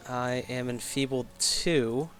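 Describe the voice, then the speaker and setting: A man's voice: mid-range voice, fairly even intonation, slow, a bit bright, soft background music. A man playing a tabletop game, hesitant with many ums and casual swearing, who has the hiccups. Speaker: player.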